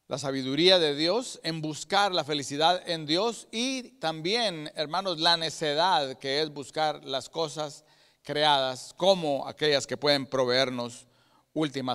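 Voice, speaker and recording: A pastor from Guatemala delivers a sermon with a Guatemalan Spanish accent, his voice strikingly bright and a touch high. He jumps between forceful, loud emphasis and hushed, low asides. The sound carries the long echo of a church sanctuary. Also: smooth. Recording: long reverb of a church hall.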